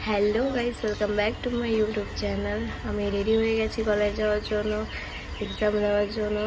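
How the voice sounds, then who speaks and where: A young woman from India chatting casually in a vlog, her voice hoarse and nearly gone from a cold, tired and subdued. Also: mid-range voice, level tone, moderate pace, low-quality recording. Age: young adult. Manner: tired, subdued sick-day talk. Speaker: vlogger.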